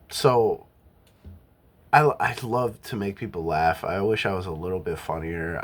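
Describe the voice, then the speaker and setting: A young man with a notably low voice speaks in a relaxed personal monologue. He thinks out loud, stops, restarts and corrects himself mid-sentence, as if working out his views as he goes. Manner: halting, self-correcting, musing aloud. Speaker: vlogger. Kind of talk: casual reflective monologue.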